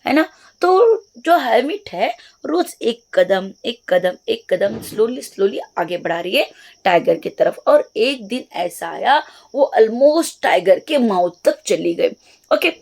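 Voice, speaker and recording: Woman teacher with a cracked, gravelly voice. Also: mid-range voice. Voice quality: cracked, loud voice, habit of talking loudly. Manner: mixes Hindi and English, reads slowly, then explains playfully. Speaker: English teacher. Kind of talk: bilingual classroom lesson explaining a story.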